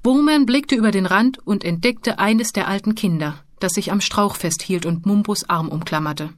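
A woman narrating a children's storybook in a calm, even manner. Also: medium pitch, moderate pace, no room sound. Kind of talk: audiobook narration. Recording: dry close studio sound.

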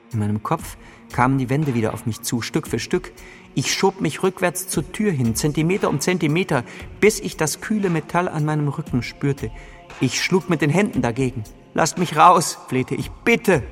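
A man's voice: medium pitch, in a large hall. Man narrating a tense first-person story. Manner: tense, dramatic reading with sudden loud outbursts in quoted cries.

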